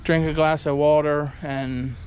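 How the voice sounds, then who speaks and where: This man's voice is slightly high, flat, a bit slow and a little mellow, with faint background noise. He chats in a relaxed vlog style while tired on his farm, filming outdoors and in a pickup truck on a handheld action camera held at arm's length.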